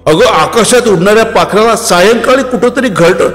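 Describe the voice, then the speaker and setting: A stern, anxious middle-aged mother, voiced by a male storyteller who raises his pitch well above his own to play her. She scolds and pleads by turns in a storybook telling. The voice rings with a long reverb over faint music. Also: normal speed, fairly bright tone. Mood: scolding.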